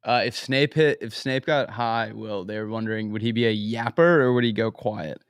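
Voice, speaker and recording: A young man hosting a casual chat, relaxed and easily amused, with lots of fillers. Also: fairly low pitch, normal speed, smooth, no echo, studio quality. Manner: laid-back, laughs easily, lots of fillers. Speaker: host.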